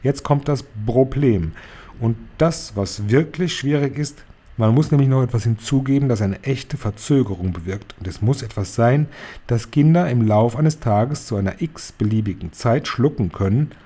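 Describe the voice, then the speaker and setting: A man's voice: medium pitch, lively intonation, moderate pace, dark tone, slightly rough. A man voicing a domineering, scornful female head witch who lectures with commanding authority in an audiobook reading.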